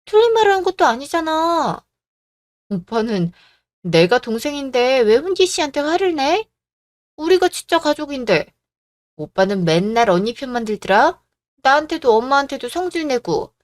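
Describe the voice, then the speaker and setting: A woman's voice: high voice, big pitch swings, moderate pace, no echo. A woman playing a whiny petulant young sister-in-law. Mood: whining. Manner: petulant, whining. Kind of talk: radio drama acting.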